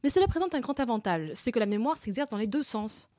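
A fussy, absent-minded queen, as a woman reader puts her on in a storybook reading, talking breezily and quickly. The voice sits close and dry, with no room around it. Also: a little high, sing-song, a little mellow, no room sound, voice pushed up. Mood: breezy. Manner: breezy, matter-of-fact.

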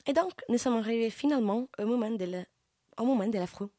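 A woman's voice: fairly high pitch, fast talker, dark tone, no echo, studio quality. Playful Italian woman speaking French. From Italy. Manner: playful, non-native French phrasing. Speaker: podcast co-host.

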